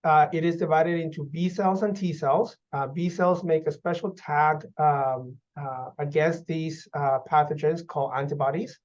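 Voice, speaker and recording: A man in his thirties from Guatemala, a physician researcher answering interview questions in measured explanations with many fillers. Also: a little high, fairly even intonation. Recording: dull lo-fi audio.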